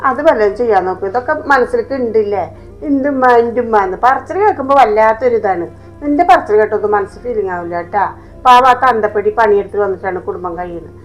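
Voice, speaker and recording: A woman's voice: mid-range voice, fast, soft background music, lightly acted, poor audio. A woman playing a harsh, sarcastic stepmother in an amateur family short film. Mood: scornful. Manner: scolding, scornful, sarcastic.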